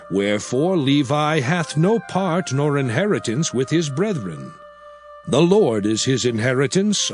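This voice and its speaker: A man playing Moses, a solemn prophet addressing his people in a declamatory, dramatized scripture reading with archaic diction. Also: on the high side. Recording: music behind the voice. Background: background music.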